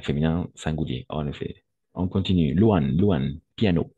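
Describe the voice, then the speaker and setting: A man's voice: very deep voice, a little slow, mellow, breathy edge, dry recording, dull audio. A man teaching French in an online lesson, patiently repeating words and correcting pronunciation.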